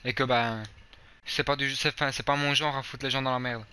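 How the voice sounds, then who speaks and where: A man's voice: mid-range voice, flat delivery, a little fast, bright, forceful tone, slight background noise. A man from Belgium with a Belgian French accent, speaking on a voice chat. He lectures firmly and stammers at the start of sentences. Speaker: gamer confronting an abusive player. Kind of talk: casual online voice chat.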